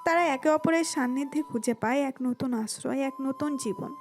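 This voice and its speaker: A woman with a Bengali accent giving smooth, even scripted narration of a romantic audio story. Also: high-pitched, normal speed, soft background music.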